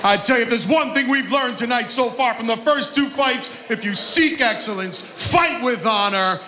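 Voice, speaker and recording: A man's voice: very high voice, sharp tone. A man announcing fighters like a boxing ring announcer, ceremonially drawing out names over an echoey arena sound system. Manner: drawn-out, ceremonial delivery of names. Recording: echoey arena public address.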